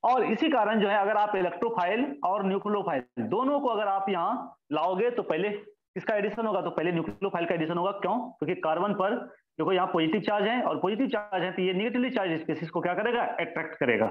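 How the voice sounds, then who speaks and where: High-voiced male teacher in echoey room. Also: fast talker. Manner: asks questions and answers them himself; addresses students as children, repeats key terms. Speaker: chemistry teacher. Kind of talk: classroom lecture. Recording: echoey, dull lo-fi sound.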